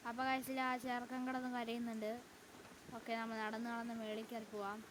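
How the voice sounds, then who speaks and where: A woman's voice: on the high side, level tone, brisk, noisy background. A woman YouTuber giving chatty let's-play commentary, talking to her viewers and breaking into frightened outbursts. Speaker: gaming YouTuber.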